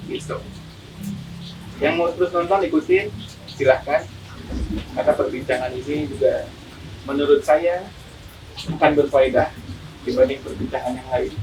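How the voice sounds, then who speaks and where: A man hosts a casual podcast interview, his mid-range voice slightly muffled by a face mask. He talks at normal speed with long pauses, and music plays in the background. The distant mic picks up a clearly noisy room.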